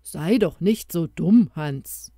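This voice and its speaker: A woman's voice: lowish voice, lively intonation, slow pace, dark tone, dry recording, clean studio sound. A woman voicing an old king bewitched into a small crowned mouse, who comforts and urges the hero in a storybook tale. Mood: earnest, urging. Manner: comforting, urging.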